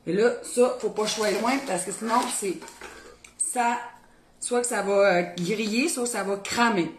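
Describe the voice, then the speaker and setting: Her mid-range voice moves at normal speed through an echoey room with slight background noise. She's from Beauce, Quebec, and talks colloquially with a Beauce Québécois accent while working through a casual cooking demo at home.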